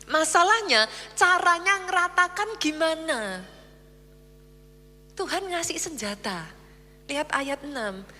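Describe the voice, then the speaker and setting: High bright animated woman pastor preaching. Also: slow, pauses often, in a large hall, soft background music. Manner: animated preaching, acting out quoted voices. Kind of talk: sermon.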